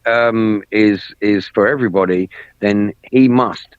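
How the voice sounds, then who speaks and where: Sweary bloke ranting, lowish voice, dry dull lo-fi sound. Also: male voice, measured pace, smooth, no room sound. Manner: blunt, swears freely, repeats himself. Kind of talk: casual political chat.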